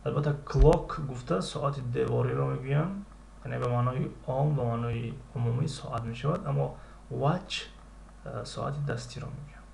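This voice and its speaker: A man teaching an English lesson, reading model phrases slowly and pausing on hesitation fillers. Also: mid-range voice, vocal fry, darkish tone. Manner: slow, deliberate model readings of English phrases, then explanations. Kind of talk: recorded language lesson. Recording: echoey room with faint ambient noise.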